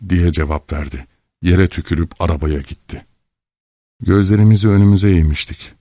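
A man reading an audiobook in a measured, steady narration. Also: low-pitched, no room sound, clean studio sound. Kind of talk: scripted narration.

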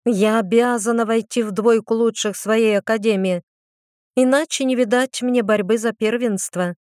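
Woman voicing a lively young student mage. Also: on the high side, normal speed, no echo, clean studio sound, lightly acted. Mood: brisk.

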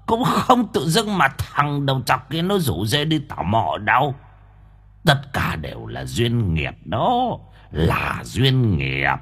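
A man voicing a cryptic old spirit master in an audiobook, speaking in slow, drawn-out pronouncements. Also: medium pitch, bright, forceful tone, breathy edge, full character voice. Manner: slow, drawn-out sage pronouncements with sudden chuckles.

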